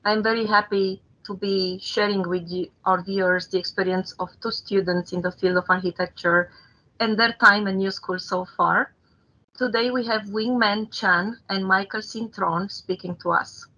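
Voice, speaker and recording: Bright-toned woman program head. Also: medium pitch, steady tone, normal speed, lo-fi sound. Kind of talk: panel hosting.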